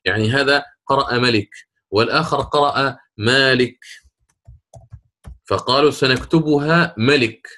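A man lectures in a classroom, his voice at an ordinary middle pitch. He talks through the lesson step by step, often breaking off to restart and asking questions he then answers himself. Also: normal speed, long pauses, bright, forceful tone. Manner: explanatory, with frequent restarts and rhetorical questions. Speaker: Quran recitation teacher.

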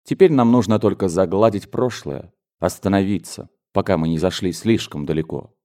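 Quiet remorseful man, low soft voice, deliberate, audiobook, man reading. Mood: grave. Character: remorseful man ending an affair, grave.

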